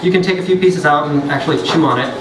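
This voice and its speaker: At a pub, a brewer talks fast through a chatty science lecture, restarting often and throwing in joking asides. His voice is a little high, and the far-off mic leaves the audio roomy with loud background noise.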